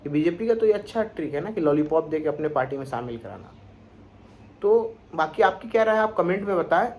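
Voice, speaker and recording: A man's voice: a little high, expressive, a little fast, a little mellow. A young man from Bihar, delivering an indignant, sarcastic political rant full of rhetorical questions. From Bihar, India. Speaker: political commentator vlogger.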